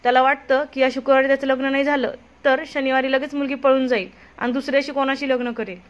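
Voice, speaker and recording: Woman reading as a gossipy young friend, chatty, high voice, dull lo-fi sound. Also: fairly even intonation, fast, lightly acted.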